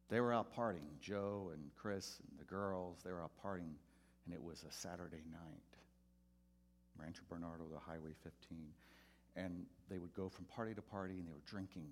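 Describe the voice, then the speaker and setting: Deep-voiced pastor telling a story. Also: male voice, moderate pace, long pauses, a little hiss or hum. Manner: animated, acts out voices loudly in quotes. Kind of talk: sermon storytelling.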